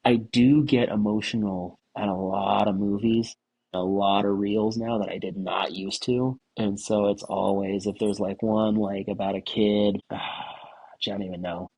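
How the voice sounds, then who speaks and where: Husky young man in casual chat. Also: on the low side, measured pace, dry recording, rough recording. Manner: relaxed and rambling, with many restarts and "like"s. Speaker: podcast co-host.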